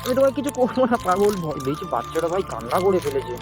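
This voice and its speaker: High-voiced man coaxing a child. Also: very animated, racing. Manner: coaxing, soothing, emotional asides to a friend. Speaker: vlogger. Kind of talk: street vlog talking to a child. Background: music.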